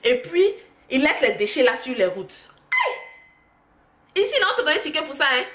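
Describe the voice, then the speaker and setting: A young woman chats to her camera, telling stories with lively, animated asides. Her voice sits fairly high. The recording has a noticeable room echo. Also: quick pace. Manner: chatty storytelling, animated asides. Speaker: vlogger. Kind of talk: casual chat to camera. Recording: echoey room.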